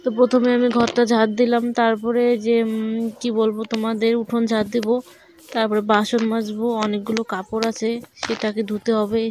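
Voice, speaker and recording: Chatty woman vlogging her chores, flat delivery. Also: fairly high pitch, background noise. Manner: chatty, talks straight to viewers. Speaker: vlogger, mother of two daughters. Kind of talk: casual vlog narration of daily chores. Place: home and courtyard by a water tap.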